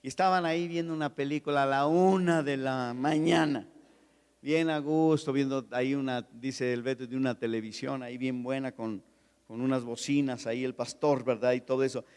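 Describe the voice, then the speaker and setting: A man preaching a sermon as pastor, telling stories with swings from loud, raised passages to soft, chatty asides. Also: medium pitch, fairly even intonation, moderate pace, smooth. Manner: storytelling, shifts from loud preaching to soft anecdote. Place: church. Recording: long reverb of a church hall.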